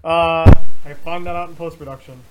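A teenage boy hosts a casual podcast indoors with a co-host beside him, cracking jokes, swearing freely and laughing between lines. His voice is fairly high and fairly even in intonation, delivered at normal speed over heavy background noise.

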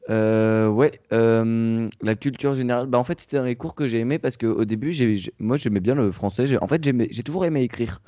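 A man's voice: medium pitch, a little fast, hardly any pauses, dark tone, dry recording, dull audio. A young man co-hosting a casual chat, talking with many fillers and restarts. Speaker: podcast co-host.

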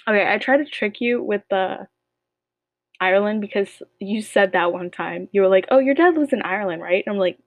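A woman's voice: mid-range voice, fairly quick, no echo. A young woman co-hosting a casual podcast, playful and teasing with slangy banter. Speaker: podcast co-host. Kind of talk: casual chat game with a friend.

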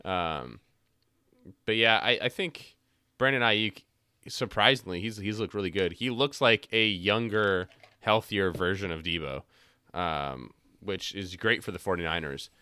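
A young man with a bright, crisp voice hosts a casual fantasy football chat, slightly hoarse from yelling. He trails off and restarts, then gets loud when excited. The sound is dry and close. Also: low voice, a little slow, dry recording. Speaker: podcast host.

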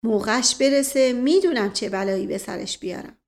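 A woman's voice: a little high, lively intonation. A woman voicing a coarse working-class shoeshine man in an audiobook, blunt and colloquial. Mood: resentful.

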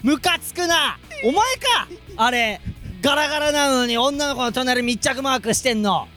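A man co-hosting a comedy podcast, scolding his partner in indignant, rapid rants during an improvised bit. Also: very high-pitched, bright, forceful tone, soft background music. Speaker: comedy duo member, podcast co-host.

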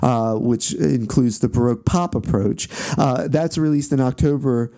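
A man's voice: mid-range voice, moderate pace, gravelly, mellow. A man giving a casual music history lecture, talking loosely with fillers, restarts and frequent tag questions. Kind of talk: classroom lecture.

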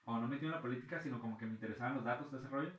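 A Mexican man in his twenties, a podcast guest telling stories in a slangy, animated way, acting out voices and sounds. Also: medium pitch, very fast, lo-fi sound. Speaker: podcast guest, freestyle rapper. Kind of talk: casual storytelling chat. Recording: echoey room, a bit far from the mic.

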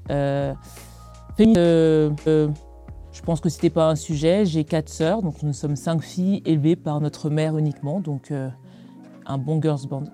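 Low-voiced woman lawyer in a discussion. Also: a little slow, mellow, faint music behind. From France. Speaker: guest, lawyer. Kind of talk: group discussion.

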